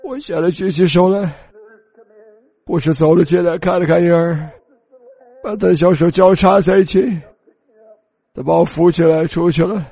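A man's voice: high voice, fairly even intonation, moderate pace, pauses often, dark tone, breathy edge. A man preaching and telling a personal testimony in an emotional, pleading, tearful way.

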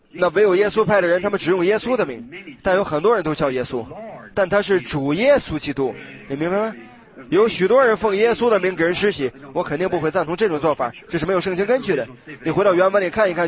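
A man preaching a sermon in a conversational way, acting out little dialogues and sometimes restarting with drawn-out fillers. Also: high voice.

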